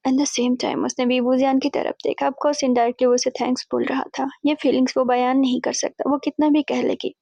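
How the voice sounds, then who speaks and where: A woman's voice: sits high, little pitch movement, moderate pace, creaky, few pauses, mellow, dry recording, highs cut off. A woman casually retelling a fanfiction story, chatty and mixing in English words as she voices the characters' lines. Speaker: fanfiction narrator.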